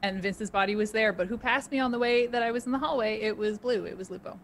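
A woman's voice: fairly high pitch, fast, slight background noise. A woman in casual game chat, insistently explaining what she saw and accusing another player.

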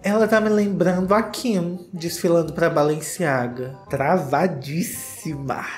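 A man's voice: on the high side, measured pace, a little mellow, echoey room, faint music behind. A man with a Brazilian Portuguese accent giving campy, theatrical comedic commentary on fashion runway walks, breaking into shrieks and exclamations. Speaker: YouTuber host.

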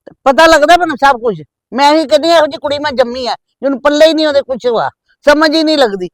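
A woman as a bossy scheming mother, nagging, high-pitched, middle-aged. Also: quick pace, no room sound, far from the mic, lightly acted. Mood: scolding. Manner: nagging, scolding. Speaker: mother on the phone. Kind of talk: scripted family skit.

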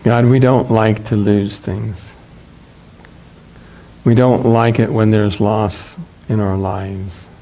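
A man in his sixties with a Midwestern American accent, preaching a sermon in a small church and reading scripture at a measured pace. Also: on the low side, level tone, dark tone. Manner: measured, reads scripture aloud from a booklet. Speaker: pastor.

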